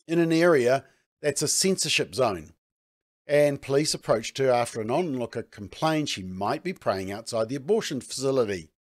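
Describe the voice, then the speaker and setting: A man's voice: mid-range voice, a little mellow. A man hosting a news commentary segment, speaking with a sarcastic edge. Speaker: host.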